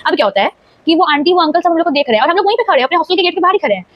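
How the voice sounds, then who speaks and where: A young woman casually telling a spooky personal story, animated and repeating phrases for emphasis. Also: very high voice, very fast, no echo.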